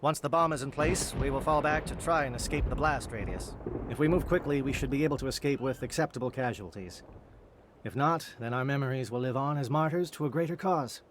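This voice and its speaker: An actor voicing a calm, grave alien captain in video game dialogue, precise and matter-of-fact. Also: male voice, medium pitch, brisk, a little hiss or hum, lightly acted. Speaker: Salarian captain planning an assault.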